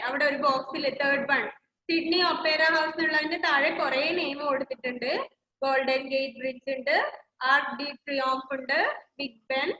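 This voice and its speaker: A woman's voice: sits high, sharp tone, slight background noise. A woman with a Malayali English accent, teaching young children in an online class and coaxing them with repeated questions. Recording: echoey, slightly dull video-call audio.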